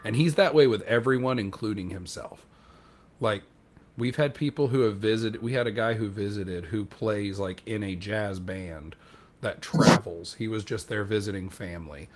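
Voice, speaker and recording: A man's voice: fairly low pitch, normal speed. A man on a podcast telling a rambling, self-deprecating story in casual chat, acting out what other people said. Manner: acts out quoted dialogue. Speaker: podcast co-host.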